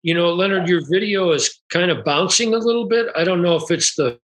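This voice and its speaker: A man hosting a casual interview, gently asking follow-up questions. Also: sits high, brisk, low-quality recording. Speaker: interview host.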